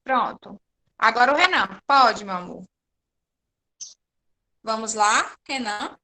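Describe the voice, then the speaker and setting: Woman teacher, high bright voice, patient and methodical in an online class. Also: expressive, takes it slowly. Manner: patient, explains step by step with frequent checks.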